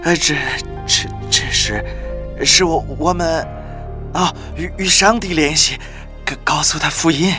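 A man's voice: fairly high pitch, unhurried, voice pushed up, natural voice. Sex: male. Figure: a man doing a terrified, stammering captive. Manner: stuttering. Behind: music. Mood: frightened. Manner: stutters and repeats words.

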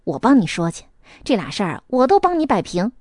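A woman playing a sharp-tongued friend who talks bluntly and teases, pitched lower than her narrating voice. The delivery is dry and close, with a lively lilt. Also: fairly quick, no room sound. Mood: scheming. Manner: blunt and teasing.

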